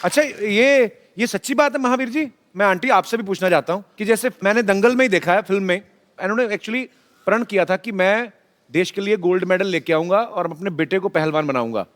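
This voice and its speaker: A man's voice: sits high, brisk, fairly bright tone, a faint crowd. A man hosting a comedy talk show, teasing his guests and telling funny stories about his family. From Punjab, India. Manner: playful, teasing storyteller. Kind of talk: joking anecdotes and interviewing guests. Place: TV studio with a live audience. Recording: reverberant studio with audience murmur.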